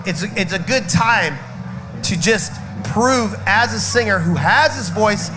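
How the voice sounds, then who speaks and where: In a rough recording with loud music behind him, a man who sings in a rock band chats casually in the festival backstage area. His voice is high, animated, and unhurried; he's blunt, emphatic, and swears, and he has a slight cough and cold.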